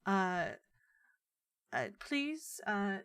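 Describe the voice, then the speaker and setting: A woman voicing a polite, hesitant woman scholar in a tabletop game, halting and full of restarts. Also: mid-range voice, sing-song, very noisy, exaggerated voice. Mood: welcoming. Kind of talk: tabletop role-play voicing.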